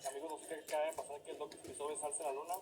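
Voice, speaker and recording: A man's voice: a little high, little pitch movement, rapid-fire, very noisy. A Mexican man hosting a playful vlog about his dogs, putting on a mock-serious interviewer tone. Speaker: vlogger. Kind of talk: playful dog-dating vlog narration.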